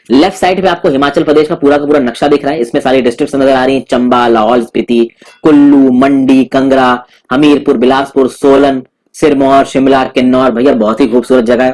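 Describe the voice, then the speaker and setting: A young man giving an exam-prep lecture, explaining over a map in a friendly, chatty way and slipping English terms into his talk. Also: medium pitch. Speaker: exam tutor.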